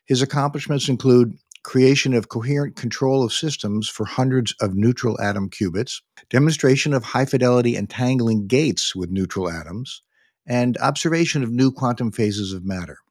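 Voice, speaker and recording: A man hosting a podcast, introducing his guest and asking questions in a polite, formal, measured way. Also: mid-range voice, a little mellow, no room sound, studio quality. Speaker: podcast host. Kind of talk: scripted interview introduction.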